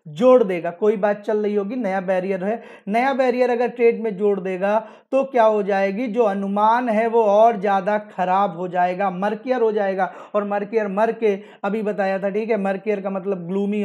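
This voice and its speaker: A man's voice: high voice, darkish tone, dull audio. Man drilling vocabulary with self-questions. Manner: keeps asking and answering his own questions; repetitive, drilling phrases over and over. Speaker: English vocabulary teacher. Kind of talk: explaining newspaper vocabulary with mnemonics.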